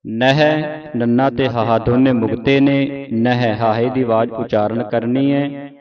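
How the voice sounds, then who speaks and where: A man from Punjab slowly teaching scripture pronunciation, saying each word deliberately and chanting the verses in a sung tone. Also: mid-range voice, steady tone. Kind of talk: slow recitation lesson with call and response. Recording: muffled audio over a gathered group. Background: group of students in the room.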